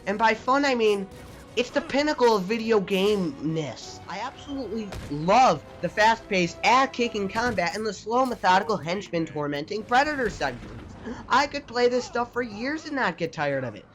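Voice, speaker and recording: A man's voice: sits high, very animated, moderate pace, a bit bright, faint music behind. A young man narrating a scripted video game review, enthusiastic and jokey with mild swearing. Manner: enthusiastic, jokey, mildly profane.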